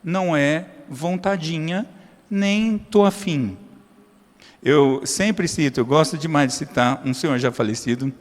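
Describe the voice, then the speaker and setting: A man preaching a sermon as pastor. He swings between loud, high emphasis and low, quiet asides, and acts out short prayers in a familiar tone. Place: church hall. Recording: long hall reverb.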